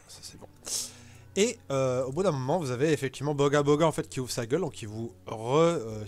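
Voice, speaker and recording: A man improvising narration as game master of a tabletop role-playing game, in halting phrases with casual asides. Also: mid-range voice.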